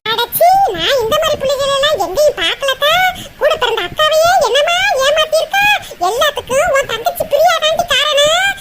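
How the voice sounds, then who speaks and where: A woman's voice: very high-pitched, lively intonation, brisk. A woman voicing a meddling, gossiping village neighbour in a cartoon comedy, prying and accusing. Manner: prying, accusing, stirs up trouble. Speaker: cartoon character. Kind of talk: Tamil cartoon comedy voice acting. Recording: loud background noise.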